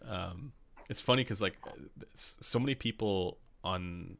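A Canadian man with a very low, gravelly voice chats casually on a live stream. His tone is bright and forward. He rambles, restarts, and fills pauses with ums while reading viewer questions. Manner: rambling, many fillers and restarts, reads chat questions aloud. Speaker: host.

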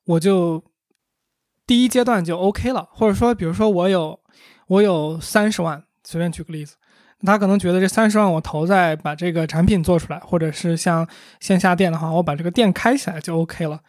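A man's voice: sits high, brisk, a little mellow, no echo, studio quality. A man co-hosting a casual conversation, reasoning through points analytically with examples. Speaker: podcast co-host.

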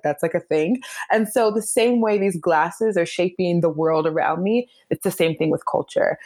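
A woman co-hosting a podcast, speaking in an animated, emphatic way and often asking "right?". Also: fairly low pitch. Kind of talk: casual conversation.

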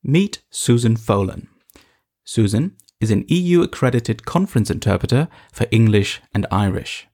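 A man's voice: on the low side, lively intonation, moderate pace, a little mellow. A man presenting scripted documentary narration, explaining things and addressing the listener directly. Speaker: host, narrator.

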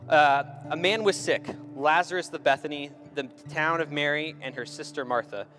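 A man's voice: on the high side, normal speed, fairly bright tone, soft background music. A man giving a sermon as a pastor, retelling a Bible story in a conversational way and often checking in with "right?".

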